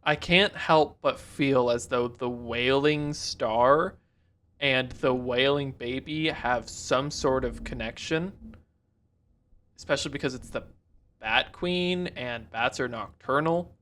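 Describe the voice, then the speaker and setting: Talk as a guy reacting to a cartoon episode: mid-pitched and casual, restart your sentences freely, wander off track, toss in jokes as they come. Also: slow, fairly bright tone, slight background noise. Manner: rambling, self-interrupting, jokey. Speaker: reaction video host.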